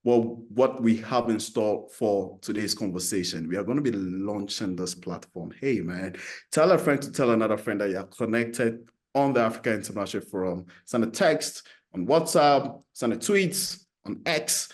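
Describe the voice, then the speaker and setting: A man from Ghana hosting an online entrepreneurship forum over a video call, energetic and encouraging, talking in a chatty way with restarts. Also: on the low side, normal speed. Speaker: host.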